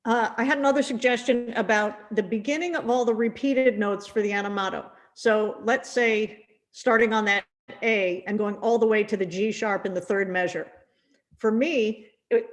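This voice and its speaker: A middle-aged woman leads a percussion masterclass in a rehearsal room. Her voice sits slightly high, and she speaks in a kindly, encouraging way, often restarting or repeating a word as she works out her thought. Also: fairly even intonation, normal speed. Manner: gentle, encouraging, repeats words as she thinks. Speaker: percussion teacher giving a masterclass.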